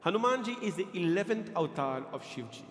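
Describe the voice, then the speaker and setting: A man's voice: high voice, very animated. Guyanese man preaching in an echoey hall. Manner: emphatic, deliberate phrasing with questions to listeners. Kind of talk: religious discourse to a congregation. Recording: echoey hall, long reverb, faint music.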